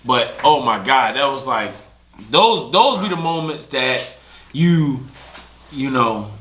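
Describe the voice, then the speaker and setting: A man's voice: mid-range voice, slow, a little hiss or hum. A young man, telling casual stories on a podcast and acting out other people's lines. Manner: animated storyteller who acts out other people's lines. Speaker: podcast host. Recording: echoey room.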